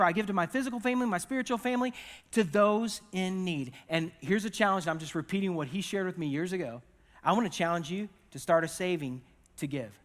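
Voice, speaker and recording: High-voiced pastor preaching in a reverberant hall. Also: male voice. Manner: conversational, animated storytelling with acted-out quotes. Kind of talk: sermon. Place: church auditorium.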